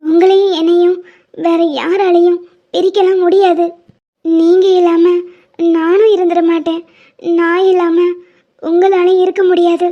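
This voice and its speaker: Tearful young lover voiced by a woman, soft pleading delivery, very high pitch, animated story. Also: lo-fi sound.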